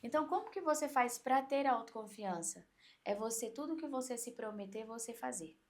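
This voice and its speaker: A woman coach with a Brazilian Portuguese accent, explaining in an animated way on an interview podcast and acting out inner voices. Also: fairly high pitch, moderate pace.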